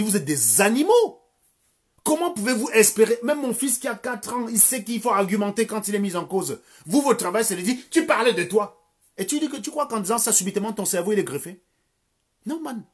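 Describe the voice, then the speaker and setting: A man's voice: high-pitched, slightly rough. A man in his thirties ranting scornfully and crudely during a live stream from home. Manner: insulting, crude, scornful rant. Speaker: livestream commentator.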